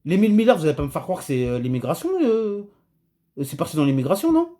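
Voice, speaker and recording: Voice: mid-range voice, huge pitch swings, fast talker, mellow. A video commentator delivering a heated rant to camera, agitated and emphatic, with many hesitations and restarts.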